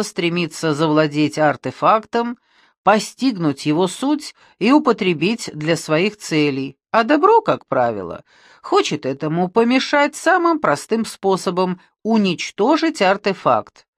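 Reader doing a self-satisfied male demiurge, lecturing, lively intonation, dry recording. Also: medium pitch, no echo. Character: smug scheming male demiurge, fond of mischief.

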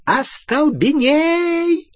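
A shrill, fanatical witch screeching high above a dry, close recording, as a male narrator puts her on. Her cries leap up in pitch and swing wildly, then drop to a venomous hiss. She is cruel and volatile from the first word. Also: expressive, very slow, no echo, exaggerated voice. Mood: shrieking. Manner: screeching, hissing.

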